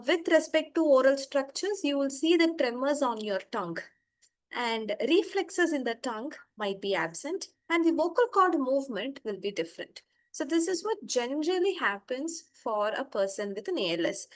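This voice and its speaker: A young woman speech-language pathologist, giving an explanatory online lecture over a video call and pausing often with "uh". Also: sits high. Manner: explanatory, steady teaching tone with frequent "uh" hesitations. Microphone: video call microphone.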